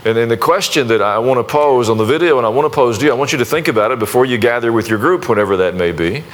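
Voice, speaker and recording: With a mid-range, expressive voice and a very fast pace, this pastor talks to his congregation in a homey, chatty way. He restarts frequently, pokes gentle fun at himself, and then leads them in prayer.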